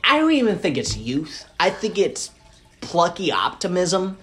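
A young man in his twenties hosts a podcast with easy, casual chat. He tells stories with animation, his pitch leaping and falling, and he breaks into loud acted quotes. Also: wildly swooping pitch, measured pace. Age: 20s. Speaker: podcast host.

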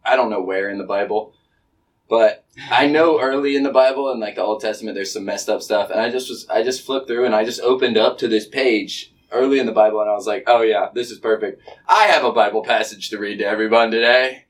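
A young man in his twenties hosting a casual podcast, halting and full of fillers. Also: fairly low pitch, distant mic, low-quality recording. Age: 20s. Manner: hesitant, filler-heavy. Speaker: podcast host. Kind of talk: casual chat.

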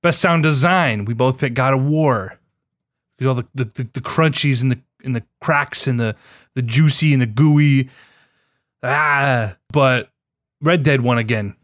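A young man co-hosting a podcast, sarcastic and animated, swearing as he goes over award results. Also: medium pitch, unhurried, no echo, studio quality. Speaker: podcast co-host. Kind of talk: casual chat.

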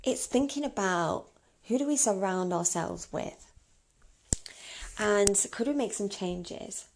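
Slight background noise sits behind a woman of about thirty with a slow, expressive, somewhat dark mid-range voice. She's a podcast host offering casual advice by herself, frank and talkative, with frequent rhetorical questions.

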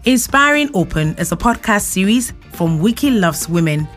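A woman's voice: mid-range voice, very animated, normal speed, fairly bright tone, soft background music. A woman who hosts a podcast and works as a journalist, giving a scripted introduction and then asking questions with short affirming interjections.

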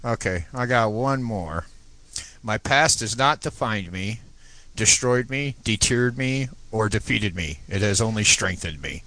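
A man's voice: fairly low pitch, a little slow, dry recording, low-quality recording. A man casually chatting and reading inspirational quotes aloud. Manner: relaxed, reads quotes aloud. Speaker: co-host.

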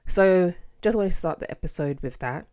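A British woman hosting a casual solo podcast, with a sassy, theatrical, slangy and expressive way of talking. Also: lowish voice, normal speed. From United Kingdom. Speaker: podcast host.

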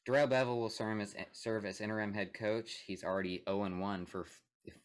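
A man's voice: lowish voice, fairly even intonation, moderate pace. A young man co-hosting a casual sports podcast, reading statements aloud with joking asides and frequent laughs. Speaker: podcast co-host.

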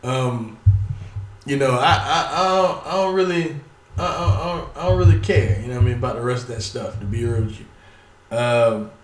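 A man's voice: medium pitch, normal speed. A man talks loosely and at length, cursing freely and stumbling over his words. He sits some way off from the mic, so his voice sounds distant. The room around him is echoey. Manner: profane, rambling, stuttering, filler-heavy. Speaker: wrestling commentator. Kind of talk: casual solo talk.

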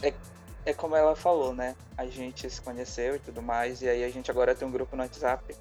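Casual woman guest with a lowish voice. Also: little pitch movement, a little fast, mellow, faint music behind. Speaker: guest, fan page administrator. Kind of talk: casual chat.

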